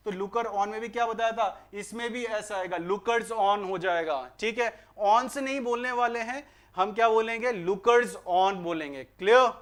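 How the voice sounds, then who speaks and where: A young man with a high voice and an Indian accent teaches an online grammar lesson, mixing English phrases into his Hindi explanations. He fires rhetorical questions at students before answering them himself.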